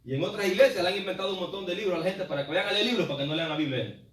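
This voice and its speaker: A man pastor preaching a sermon, swinging between loud cries and low asides and often calling the congregation brother. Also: racing, recorded from a distance. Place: church sanctuary. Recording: echoey church hall, preacher off the mic.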